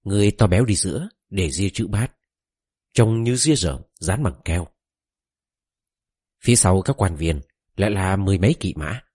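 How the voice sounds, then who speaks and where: A man's voice: sits low, expressive, normal speed, pauses often, a little mellow, slightly rough, dry recording, studio quality. A man reading a novel aloud in the first person, telling the story expressively and giving the quoted characters their own voices. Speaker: audiobook narrator.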